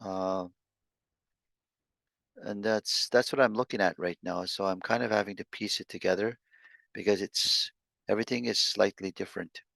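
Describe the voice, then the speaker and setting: A man teaching an online language lesson over a video call, sounding out syllables slowly with many halting restarts. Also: fairly low pitch, steady tone, vocal fry, a bit bright, no room sound.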